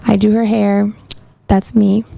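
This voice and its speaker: Gravelly-voiced woman hosting a casual podcast. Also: medium pitch, level tone, a little slow. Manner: rambling, upbeat, self-hyping. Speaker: podcast host, hairdresser. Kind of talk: casual interview chat. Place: mobile salon. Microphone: phone.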